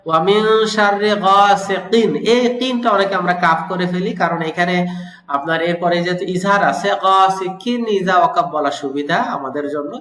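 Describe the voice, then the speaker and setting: A man teaching Quran recitation, patiently explaining and slowly repeating each sound to demonstrate it. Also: high-pitched, sharp tone. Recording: roomy echo.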